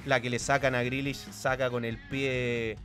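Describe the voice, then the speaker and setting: A man's voice: medium pitch, level tone, unhurried, fairly bright tone, soft background music. A man co-hosting a football podcast, talking through a past match in a casual, analytical way with many restarts. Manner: analytical, thinks aloud with restarts.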